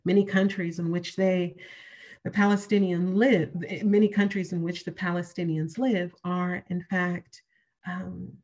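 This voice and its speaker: A middle-aged woman giving a prepared keynote lecture over a video call from a room at home, speaking in a measured way with emphatic, repeated key phrases. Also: lowish voice, little pitch movement, darkish tone. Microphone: webcam on a video call.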